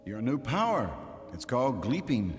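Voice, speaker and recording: A calm alien father, voiced by a man, patiently explaining a strange new power. His voice rises and dips in a lively way while a long reverb trails behind it. Faint music plays underneath. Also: medium pitch, normal speed, lightly acted. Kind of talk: sitcom acting.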